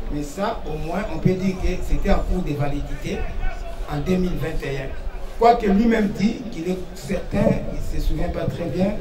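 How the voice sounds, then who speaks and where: A man at a court hearing going methodically through evidence, hesitating and restating details. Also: fairly high pitch. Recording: echoey room from far off.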